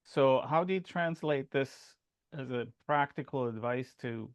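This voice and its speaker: A man co-hosting a casual podcast, dropping in brief interjections and halting questions over a video call. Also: medium pitch, clear, resonant tone, no echo.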